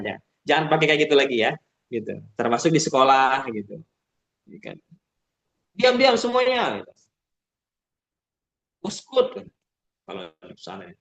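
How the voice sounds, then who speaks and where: A man giving a casual public speaking webinar, explaining step by step and often ending sentences with a filler. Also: a little high. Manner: acts out shouting teachers and chirpy call-and-response. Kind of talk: webinar talk.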